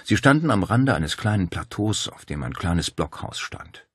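Deep-voiced man narrating an audiobook. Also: normal speed, husky, dry recording, studio quality. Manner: lively storytelling.

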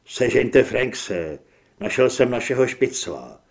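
A man's voice: medium pitch, big pitch swings, gravelly. A man playing a furious cornered monster hunter. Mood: threatening. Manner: loud, threatening, swearing.

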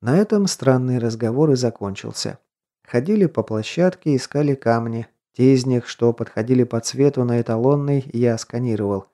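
Man narrating an audiobook, mellow dark tone. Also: mid-range voice, lively intonation, normal speed. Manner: wry, conversational, slangy. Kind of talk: first-person audiobook narration.

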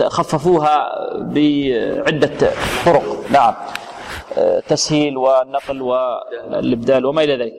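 A man's voice: a little high, gravelly. A male Quran teacher giving a recitation lesson, quizzing his students and sounding out letters for them. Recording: Islamic radio program.

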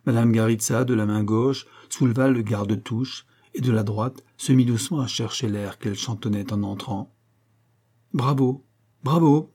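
Male audiobook narrator, measured literary delivery, warm slightly husky tone. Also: on the low side. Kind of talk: scripted narration.

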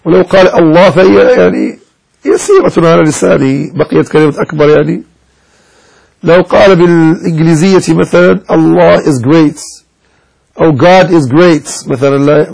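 A man's voice: fairly high pitch, vocal fry, darkish tone, poor audio. A man teaching a religious lesson, explaining a legal text and demonstrating how words should be pronounced, with a Moroccan Arabic accent. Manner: explanatory, demonstrates pronunciations, addresses listeners directly. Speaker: sheikh teaching Maliki jurisprudence.

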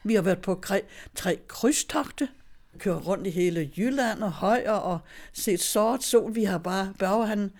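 A woman's voice: mid-range voice, a little mellow. An older woman, telling a personal story in casual talk, chatty and often laughing, with many restarts. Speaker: guest telling her story.

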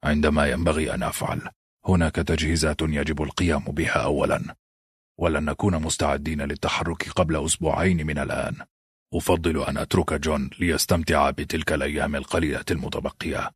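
A grave, brooding lord voiced by a man in an audiobook, very deep and slow. His speech is heavy and troubled. The husky voice sits close and dry. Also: fairly even intonation, no room sound, exaggerated voice. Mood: resigned.

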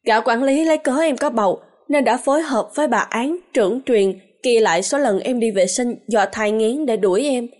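A woman's voice: fairly high pitch, normal speed, few pauses, darkish tone, natural voice. A woman voicing a young pregnant wife who pleads in distress. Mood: distraught.

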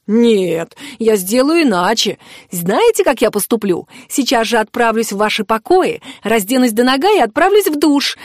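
A woman's voice: on the high side, a little mellow, no room sound, clean studio sound, close to an everyday voice. A woman voicing a brash, arrogant young prince in an audiobook, teasing and giving orders. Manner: teasing, commanding.

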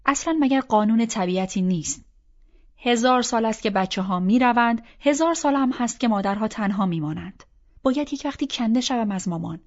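Female audiobook narrator, reflective first-person read, fairly high voice, slightly dull sound. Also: animated, a little mellow. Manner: reflective, inward storytelling.

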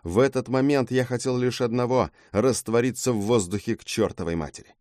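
A man's voice: medium pitch, brisk, darkish tone, no echo, clean studio sound. A man narrating a fantasy audiobook in the first person with a dramatic delivery.

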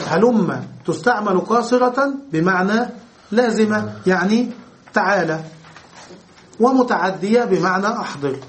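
A man lecturing on grammar in a fairly high voice. He goes over each term again in other words and checks that his listeners follow. His delivery is patient and explanatory. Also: measured pace. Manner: repeats and rephrases terms to explain them, checks understanding. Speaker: Arabic grammar teacher.

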